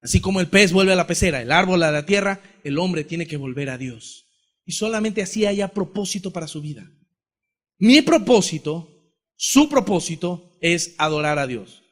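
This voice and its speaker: A man's voice: sits high, lively intonation, moderate pace. A man from Ecuador preaching a sermon, telling a personal testimony with passion and acting out the voices of God and his brother. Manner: impassioned, acts out dialogue with God and his brother.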